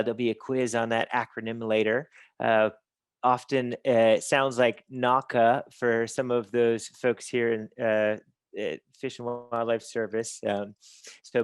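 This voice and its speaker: A man's voice: mid-range voice, gravelly, clear, resonant tone, no echo. A man giving an online conference presentation, talking with many fillers and restarts over a computer mic.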